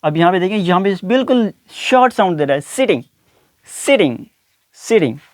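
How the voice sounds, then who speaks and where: High-voiced man teaching pronunciation. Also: expressive, no room sound, clean studio sound. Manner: repeats each word slowly several times. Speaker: English teacher. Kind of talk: explaining pronunciation to learners.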